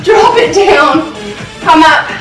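A young woman with a high voice leads a home workout as she exercises, counting reps slowly and giving short, encouraging commands. She is recorded at a distance in an echoey room with music behind her. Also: animated, a bit bright, shouting. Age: young adult. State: exerting while exercising. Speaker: fitness instructor. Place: indoor home gym with curtains, hard floor. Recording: roomy echo, distant mic, music behind.

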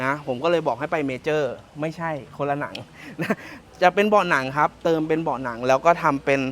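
A chatty car salesman from Thailand walks around a pickup truck outdoors, joking and repeating his points. His voice sits a little high for a man, and a faint outdoor ambience runs under it. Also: a bit bright, a little hiss or hum. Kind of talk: casual walkaround car presentation.

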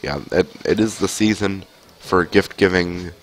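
Here a young man streams a game indoors at home on a headset, his cold obvious as he rambles casually and leans on fillers. The voice is deep and a little slow, with slight noise in the background.

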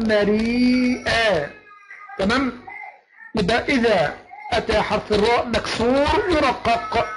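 A man with an Egyptian accent giving an online lecture on Quran recitation rules. He chants verse lines slowly and keeps asking his students whether everything is clear. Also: very high-pitched. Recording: noisy online lecture recording.

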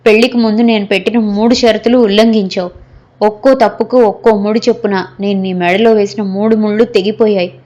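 A woman's voice: medium pitch, darkish tone, lightly acted. A woman voicing an angry young husband who hurls scornful insults at his wife.

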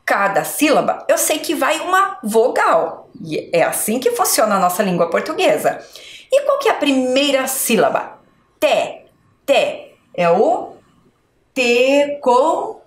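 A woman teacher slowly sounding out syllables and letters for young children in a spelling lesson. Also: sits high, sing-song. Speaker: schoolteacher. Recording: echoey room.

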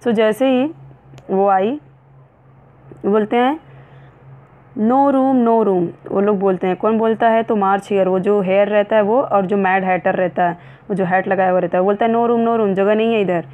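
A woman teacher, reading English lines slowly and then explaining them in Hindi. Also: mid-range voice, fairly even intonation, phone-quality sound.

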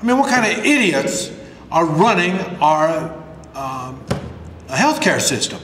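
An older man with a fairly high voice rants grumpily and bluntly, as if to a camera at home. His delivery is exasperated and halting, full of rhetorical questions. The room is very echoey and reverberant, with a faint layer of noise. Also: big pitch swings, a bit bright. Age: older, about 60s. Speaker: vlogger delivering opinion rants. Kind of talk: unscripted opinion rant to camera. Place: bare-walled room indoors at home.

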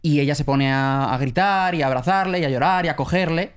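A young man, co-hosting a podcast and telling a story in an animated, breathless way. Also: fairly high pitch, a little fast, smooth. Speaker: podcast co-host and actor. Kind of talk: casual storytelling chat.

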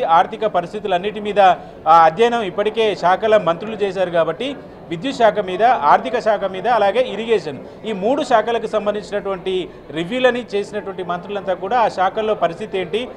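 A man in his thirties giving a live news report outdoors into a handheld mic, steady, with filler sounds between phrases. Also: high voice. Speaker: field reporter. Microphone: handheld channel mic.

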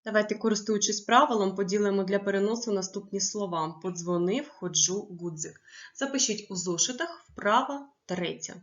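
A woman teaching a primary school lesson, stressing each word slowly and clearly for young pupils. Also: mid-range voice, a bit bright, highs cut off. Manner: slow, clearly stressed dictation of words.

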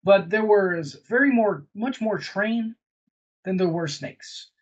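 A man with a fairly high voice talks slowly and wanders through plot recaps, full of "um" and "like". The audio comes over a video call and sounds slightly muffled. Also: breathy edge. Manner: meandering plot recaps with many fillers. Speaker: podcast co-host reviewing films. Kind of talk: casual chat.

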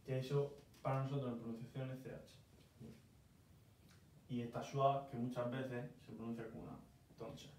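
A man from Murcia, Spain, with a Murcian Spanish accent, teaches English pronunciation patiently and step by step in a casual one-on-one lesson. His medium-pitched, darkish voice is flat and moderately paced with frequent pauses, recorded far from the mic in a very echoey room with faint noise.

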